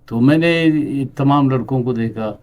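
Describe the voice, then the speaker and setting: A middle-aged man from Balochistan, a writer and actor, telling anecdotes in an unhurried interview style with pauses, acting out other people's lines. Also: mid-range voice, a little mellow. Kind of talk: relaxed interview storytelling.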